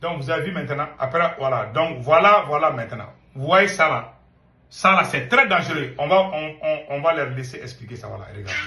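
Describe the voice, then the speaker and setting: A man's voice: fairly high pitch, animated, brisk, sharp tone, roomy sound. A man hosting an online political news channel, talking to viewers in an emphatic, urgent way and repeating himself. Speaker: political commentator and channel host. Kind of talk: excited online news commentary.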